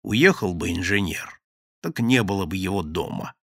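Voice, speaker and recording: A man voicing a cold gang boss who interrogates in a low, quiet voice. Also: expressive, normal speed, dry recording, clean studio sound. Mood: menacing.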